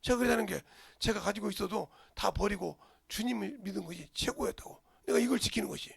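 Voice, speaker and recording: An older man preaching a sermon, emphatic, firing rhetorical questions and swinging between loud outbursts and murmurs. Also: sits high, quick pace, creaky, breathy edge, no room sound. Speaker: pastor.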